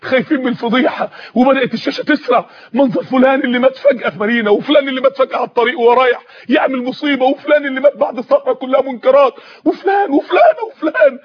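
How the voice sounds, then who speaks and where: Impassioned Egyptian preacher, high and fast. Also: male voice, fairly even intonation. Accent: Egyptian Arabic. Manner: impassioned, pleading, voice breaking into tears. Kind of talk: emotional sermon storytelling. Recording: muffled lo-fi recording.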